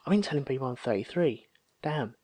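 With a medium-pitched, darkish voice, a man in his thirties talks a little fast and expressively, swapping anecdotes in casual conversation. He acts out the remarks he quotes.

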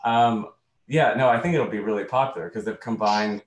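A man's voice: fairly low pitch, normal speed, a crowd in the background. An easygoing man, a guest in a casual group chat. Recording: roomy echo.

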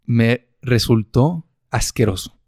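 A man with a Mexican accent co-hosts a relaxed chat and slips in slang as he jokes. His voice sits at a middle pitch, recorded dry and close. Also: slow pace, no room sound. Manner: joking, Mexican slang like "güey" and "chale". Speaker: co-host. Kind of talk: casual chat.

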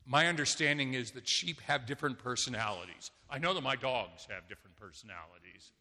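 A man's voice: mid-range voice, lively intonation, a little fast, pushed and bright. An older man preaching a sermon as pastor, talking conversationally with homely stories. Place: church sanctuary. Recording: long church reverb.

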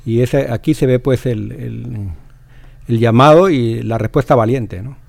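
A man's voice: mid-range voice, unhurried, creaky, darkish tone, no echo. A man in a religious discussion, thoughtful and hesitant, who keeps checking in with his listeners. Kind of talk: casual devotional discussion.

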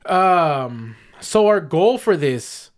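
A man's voice: on the high side, big pitch swings, very slow. A man in his thirties co-hosting a casual podcast with his sister, laid-back and joking, with plenty of fillers. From Mexican-American family. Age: 30s. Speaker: podcast co-host. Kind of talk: casual chat.

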